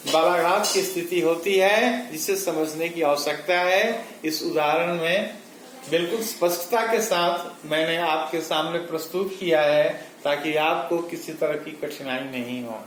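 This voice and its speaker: A man with a fairly high voice teaches a grammar lesson at an unhurried pace, going over each definition twice. He is recorded in an echoey room with faint noise behind him. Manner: slow, deliberate, repeats definitions for students.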